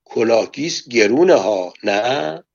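A man's voice: mid-range voice, animated, creaky. A man reading aloud and voicing a curious, wry male fellow prisoner who asks questions, in a dull lo-fi recording. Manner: inquisitive, wry.

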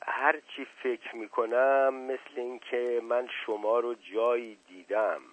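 A man doing a shrill scolding old woman. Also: steady tone, dry recording, lightly acted. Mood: needling. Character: sharp-tongued scolding older woman. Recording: tinny radio broadcast.

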